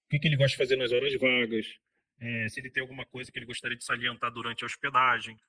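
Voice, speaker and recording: A man's voice: mid-range voice, little pitch movement, very fast, bright, forceful tone. Man giving a conversational lecture. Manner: conversational, frequent tag questions. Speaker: speaker at a hospitality conference.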